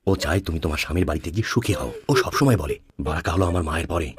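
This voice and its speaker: A man voicing a kindly, wise older clan chief in a dubbed drama, with a husky voice and a soothing manner. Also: deep voice, fast, close to an everyday voice. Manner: kind, soothing.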